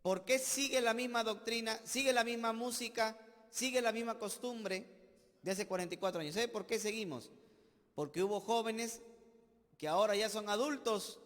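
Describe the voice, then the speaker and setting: A Peruvian man preaching from the pulpit in a strikingly high voice. He drives his points with rhetorical questions and sudden loud bursts. The sanctuary gives him a long, ringing reverb. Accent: Peruvian Spanish. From Peru. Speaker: pastor. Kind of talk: sermon. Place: church sanctuary.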